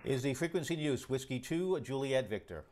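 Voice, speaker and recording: A man's voice: medium pitch, expressive, background noise. Man making ham radio CQ calls. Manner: repetitive, measured on-air calling. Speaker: amateur radio operator. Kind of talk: ham radio CQ calling in phonetic alphabet.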